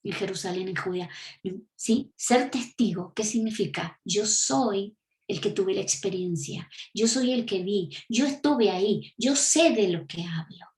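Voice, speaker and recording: A woman's voice: mid-range voice, measured pace, a little mellow. A woman with an Argentine accent preaching a teaching sermon, emphatic and full of rhetorical questions. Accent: Argentine Spanish. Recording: echoey room.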